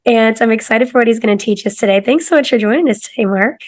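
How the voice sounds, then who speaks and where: A woman hosting a podcast interview, hoarse from losing her voice, chatting casually and eagerly with lots of filler words. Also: fairly high pitch, fast talker. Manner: casual, enthusiastic, lots of "like" and "kinda". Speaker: podcast host.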